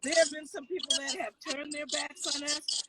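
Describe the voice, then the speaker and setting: A high-pitched woman, a bit out of breath, chatting enthusiastically on a livestream. She talks from inside a car, with clear background noise on the recording. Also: steady tone, normal speed, recorded from a distance. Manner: enthusiastic, gushing. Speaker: co-host. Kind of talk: casual livestream chat.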